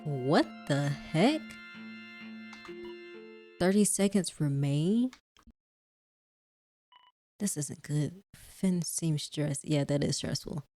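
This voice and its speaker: A woman's voice: low voice, lively intonation, extremely slow, long pauses, warm tone, faint music behind. A woman hosting a let's-play, reading a visual novel aloud and chatting casually about it. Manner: casual, chatty, slangy asides between read lines.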